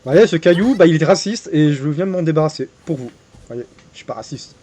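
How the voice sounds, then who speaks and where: A man's voice: fairly high pitch, animated, fairly quick, dark tone, slightly rough. A young man casually commenting on his gameplay while chatting with viewers, joking and crude. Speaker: streamer. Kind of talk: casual live game commentary.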